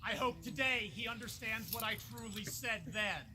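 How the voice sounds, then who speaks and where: A man delivering a formal, declamatory ceremonial speech with measured pauses, as a master of an order. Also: high-pitched. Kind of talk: formal ceremonial speech in a historical reenactment society. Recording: noisy outdoor event recording.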